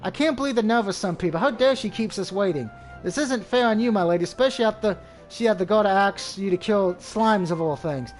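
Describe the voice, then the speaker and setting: A man reading the part of a loyal young maid who is quick to take offense. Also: sits high, soft background music, close to an everyday voice. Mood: indignant.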